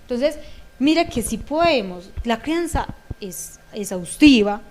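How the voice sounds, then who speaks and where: Colombian woman guest, earnest parenting talk, fairly high voice, faint background hiss. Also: expressive, slow pace, a little mellow. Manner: earnest, acts out parents' and children's lines. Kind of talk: talk-show discussion.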